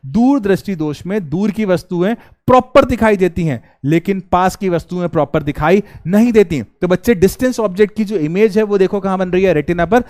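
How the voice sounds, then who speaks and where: A man's voice: high-pitched, a little mellow, no echo, clean studio sound. A male teacher giving a live online class in a chatty, informal way, constantly quizzing the students and repeating key terms.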